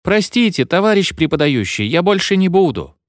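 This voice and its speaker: A man's voice: fairly high pitch, animated, normal speed, no echo, clean studio sound, voice pushed up, lightly acted. A man voicing a whiny, defiant young student ranting at his teacher. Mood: pleading. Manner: whining, then defiantly ranting. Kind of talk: audiobook reading.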